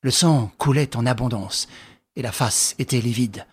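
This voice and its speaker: A man reading a novel aloud as an audiobook narrator, with a dramatic, expressive delivery. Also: mid-range voice, moderate pace, breathy edge. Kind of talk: scripted narration.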